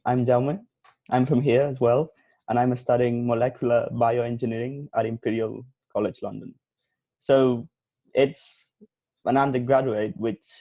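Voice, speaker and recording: A man's voice: medium pitch, dry recording. Young man, dry lo-fi call audio. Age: young adult. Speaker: university student, alumnus. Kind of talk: casual self-introduction. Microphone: video call.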